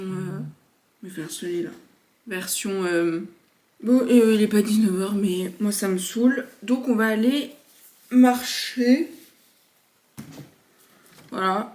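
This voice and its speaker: A university student in her twenties chats casually to camera for her vlog, using slangy talk with her viewers. Her medium-pitched voice has a darkish tone and a measured pace, broken by long pauses.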